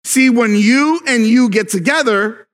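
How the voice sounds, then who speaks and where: A male pastor preaching a sermon in a conversational way that builds to emphatic shouts. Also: extremely high pitch, unhurried. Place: church sanctuary. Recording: long reverb with faint background music.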